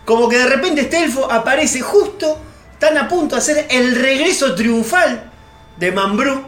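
A man's voice: extremely high pitch, moderate pace, fairly bright tone, reverberant. A young man with an Argentine accent, casually retelling a series plot and voicing its characters. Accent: Argentine Spanish. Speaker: podcast co-host. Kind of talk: casual chat.

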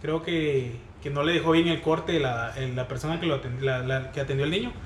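A man's voice: on the high side, fairly quick, echoey room, a little hiss or hum. A man, a barber chatting casually in an interview, slangy and laughing often. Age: 20s.

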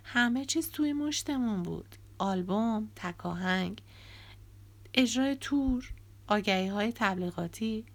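A woman's voice: mid-range voice, expressive. A woman reading an audiobook, voicing a bitter, resentful young man who used to be a drummer and speaks with angry sarcasm.

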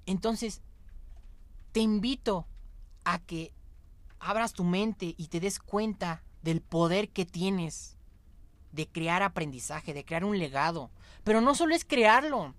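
A man's voice: sits high, a bit bright, no echo. A young adult man speaks straight to his listeners in a motivational podcast monologue. He is earnest and exhorting, circling back on his phrases to drive each point home. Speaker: podcast host.

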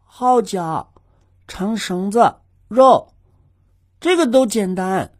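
A woman's voice: medium pitch, expressive, slow, darkish tone. A woman voicing a curious, mischievous young boy in a children's audio drama, eager and playful.

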